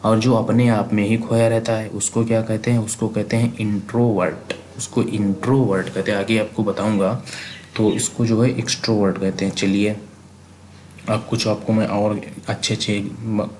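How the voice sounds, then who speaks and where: Low, flat-voiced Indian man teaching vocabulary. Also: normal speed, slight background noise. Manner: repetitive, asks and answers his own questions. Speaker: exam prep teacher. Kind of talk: vocabulary lesson, spelling words aloud letter by letter.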